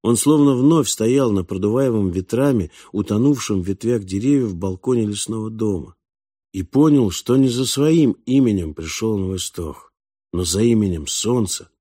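A man narrating an audiobook in a measured, literary way. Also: lowish voice, lively intonation, mellow, slightly rough, dry recording, studio quality. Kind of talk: audiobook reading.

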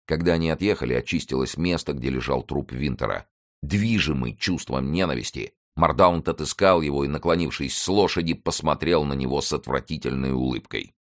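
Man with a really deep low voice reading a novel, steady even storytelling. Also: brisk. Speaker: audiobook narrator. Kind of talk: scripted narration.

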